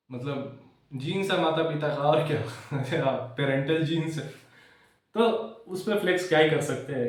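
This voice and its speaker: Guy teaching physics, kinda high voice, keeps asking if you get it, loud room echo, sounds far off. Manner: chatty, keeps checking students understand; digresses with jokes. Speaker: physics tutor. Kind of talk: casual classroom lecture. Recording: echoey room, far from the mic.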